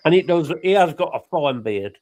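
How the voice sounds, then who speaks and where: Man, slightly higher voice, chatty, emphatic, casual call chat. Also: animated, darkish tone. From England. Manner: chatty, emphatic, quick to deny and correct. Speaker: podcast co-host. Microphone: remote call setup.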